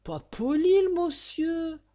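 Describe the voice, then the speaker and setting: A woman's voice: very high voice, sing-song, takes it slowly, fairly bright tone, pitched above the performer's own voice, heavily acted. A woman voicing a sleepy, coarse male cab driver who grumbles in slang, in an audiobook. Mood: disdainful.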